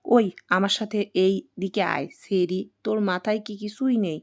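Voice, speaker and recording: A woman's voice: mid-range voice, normal speed, natural voice. Woman voicing scolding old grandmother, rustic talk, storybook audio.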